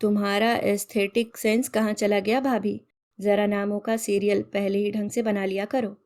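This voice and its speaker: A witty young sister-in-law, voiced by a woman narrator. She teases and banters in a lively, cheeky way, at a mid pitch. It suits a read-aloud story. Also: normal speed, lightly acted. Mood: teasing. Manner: playful, teasing banter.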